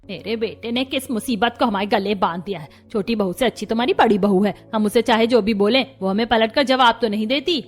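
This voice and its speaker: A woman voicing a scornful, sharp-tongued middle-aged mother-in-law in a cartoon story. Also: fairly high pitch, brisk, hardly any pauses, close to an everyday voice. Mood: mocking.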